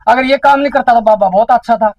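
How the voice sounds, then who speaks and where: A man with a Haryanvi accent gives an indignant public address at a village council meeting, asking rhetorical questions over and over. His voice sits very high for a man and sounds close and dry. The recording is dull and lo-fi. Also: fast, a little mellow, no room sound.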